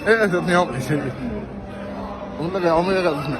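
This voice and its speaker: A man's voice: a little high, racing. A young man with an Algerian Arabic accent, crying angrily in anguish as he pleads and repeats himself in a street interview. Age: young adult. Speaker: interviewee, orphan without housing. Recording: loud crowd and music, outdoor street.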